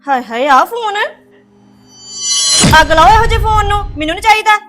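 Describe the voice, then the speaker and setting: An actress playing a young wife who complains in a shrill, whiny voice in a family drama. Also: female voice, big pitch swings, a little fast, bright, forceful tone, husky, heavily acted. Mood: upset. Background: music.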